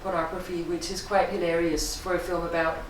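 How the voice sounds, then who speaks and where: A middle-aged woman from Denmark with a Danish accent, a film director giving measured, thoughtful interview answers. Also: lowish voice, flat delivery, a little hiss or hum. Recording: echoey room, distant mic.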